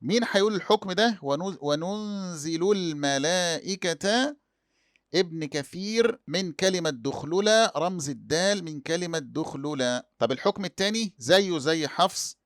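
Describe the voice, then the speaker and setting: Man, Egyptian accent, teacher, self-questioning explanations, fairly high voice, dry close sound. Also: lively intonation, a little fast, no room sound. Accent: Egyptian Arabic. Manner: asks and answers his own questions. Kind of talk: explanatory lesson.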